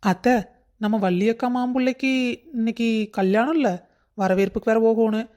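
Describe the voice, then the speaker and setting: A woman's voice: a little high, normal speed, warm tone, close to an everyday voice. A woman voicing a crafty young daughter-in-law in a cartoon story. She sweet-talks and puts on tearful pleading. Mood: scheming. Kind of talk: cartoon voice acting.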